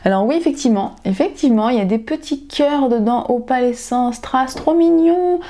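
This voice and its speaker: A woman's voice: fairly high pitch, lively intonation, fairly quick, warm tone, a little hiss or hum. A young woman vlogger chatting casually as she unboxes and reviews nail products, gushing with enthusiasm. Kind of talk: casual haul unboxing vlog.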